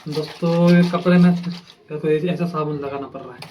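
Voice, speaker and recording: A man's voice: fairly high pitch, moderate pace, lo-fi sound, noisy background. Joking young man vlogging at home. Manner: deadpan joking, addresses viewers as friends. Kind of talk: comic village vlog monologue. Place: village home, outdoors while washing clothes.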